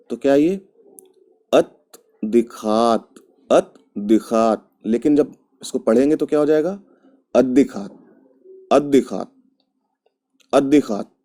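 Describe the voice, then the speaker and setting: A man from India teaching a language lesson, speaking slowly and patiently and repeating each example word several times. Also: mid-range voice, dark tone.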